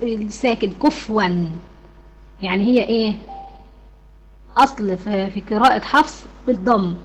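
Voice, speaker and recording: A woman's voice: on the high side, highs cut off, a little hiss or hum. A woman with an Egyptian Arabic accent teaching an online Quran recitation class, asking her students questions and then answering them herself.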